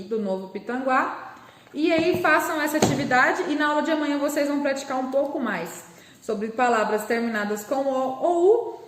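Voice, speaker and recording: A woman with a Brazilian Portuguese accent, teaching a remote class for young children, patient and slow, sounding out words syllable by syllable. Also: high-pitched, roomy sound. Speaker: primary school teacher.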